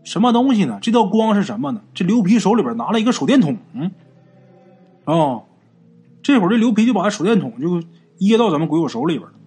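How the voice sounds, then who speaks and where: Husky, lively male ghost-story teller. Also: sits high, quick pace, faint music behind. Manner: chatty, colloquial, addresses listeners as "ghost friends". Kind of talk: casual spoken ghost story narration.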